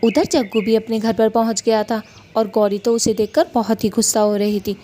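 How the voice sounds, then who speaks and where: A woman's voice: a little high, flat delivery, moderate pace, mellow. Woman narrating a cartoon story. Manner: plain storytelling.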